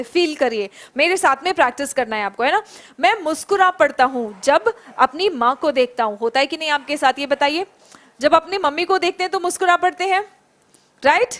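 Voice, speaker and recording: A woman teaching a live online spoken English class, praising students by name and drilling phrases slowly. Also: high-pitched, a bit bright. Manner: encouraging, calls students by name and praises them.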